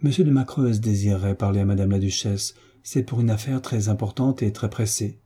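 A man's voice: fairly low pitch, brisk, warm tone, breathy edge. A man voicing a deferential valet who speaks formally and respectfully. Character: deferential male valet of a duchess.

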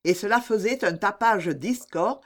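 Measured literary audiobook narrator. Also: medium pitch, a bit bright.

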